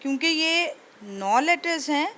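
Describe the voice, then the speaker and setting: A woman's voice: high-pitched, animated, a little slow, pushed and bright. A woman teacher explaining a lesson patiently, repeating each point and sounding out letters one by one.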